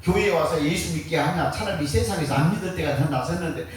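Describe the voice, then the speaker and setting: A man's voice: on the high side, quick pace, pitched below the performer's own voice, natural voice. A man voicing a crowd of grumbling, resentful ancient Israelites in a mocking, complaining tone. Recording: very echoey, distant mic.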